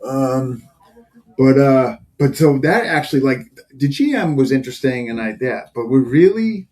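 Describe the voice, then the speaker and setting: A man's voice: medium pitch, expressive, normal speed, a little mellow. A man hosting a podcast in casual chat, talking loosely with many fillers and frequent laughs. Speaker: podcast host.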